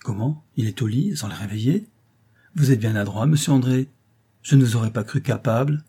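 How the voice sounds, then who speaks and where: A man's voice: mid-range voice, expressive, fairly quick, mellow, breathy edge. A man voicing a hesitant, flustered woman. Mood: surprised. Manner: hesitant, surprised.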